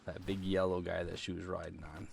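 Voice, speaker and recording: A man's voice: sits low, monotone, a little fast, creaky, noisy background. A man hosting a gaming channel, giving casual, rambling gameplay commentary with lots of ums. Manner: chatty, rambling with many ums. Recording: game music underneath. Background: game music.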